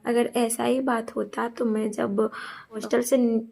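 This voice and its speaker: A young woman speaks straight to her viewers in a casual vlog. Her voice sits a bit high and gravelly, with a flat, even melody as she earnestly and defensively repeats her points. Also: a little slow. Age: young adult. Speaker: vlogger. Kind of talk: casual talk to camera.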